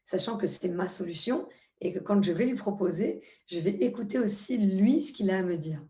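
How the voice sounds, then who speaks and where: A middle-aged woman talks viewers through a self-help tutorial, step by step, in a calm and guiding way. Her voice is mellow and relaxed, with a few hesitations between phrases. The room gives it a noticeable echo. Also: medium pitch, normal speed. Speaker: EFT practitioner. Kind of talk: spoken tutorial.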